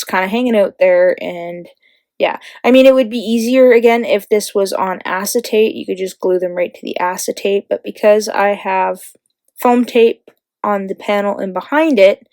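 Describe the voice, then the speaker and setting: A woman narrates her craft project in a chatty, giggly voice-over at a medium pitch. She corrects herself as she goes. The sound is dry and close, with no room echo. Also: a little mellow. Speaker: card-making crafter. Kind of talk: casual craft tutorial voice-over.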